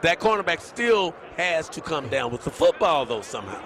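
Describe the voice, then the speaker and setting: A man, a former defensive back, giving animated, explanatory color commentary on a live football game from a stadium booth. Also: on the high side, normal speed. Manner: animated, explaining, laughs easily.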